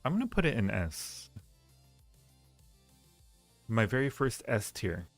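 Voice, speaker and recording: A medium-pitched man with big pitch swings talks slowly while hosting a livestream. He rambles casually with viewers, rating ideas and often repeating phrases. The recording has a roomy echo with faint music in the background.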